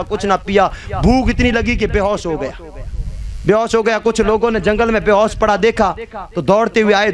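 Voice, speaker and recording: Guy preaching, super high voice, fiery, keeps repeating stuff and yelling questions. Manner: fervent, rhetorical questions, repeated phrases, swelling to shouts. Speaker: Islamic preacher. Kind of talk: impassioned Urdu-Hindi sermon.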